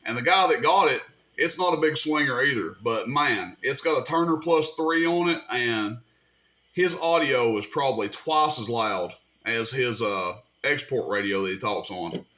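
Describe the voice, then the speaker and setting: Showing off equipment for his radio repair videos, this man explains things one step at a time in an informal, down-home manner. He speaks at normal speed in a mid-range voice that sounds pushed and bright, with lively intonation.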